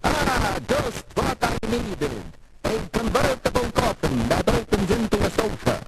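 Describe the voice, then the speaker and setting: A man's voice: high-pitched, sing-song, unhurried, very noisy. A man playing a jolly, macabre vampire count with a courtly, theatrical manner on a 1960s comedy record. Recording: old record with loud music behind.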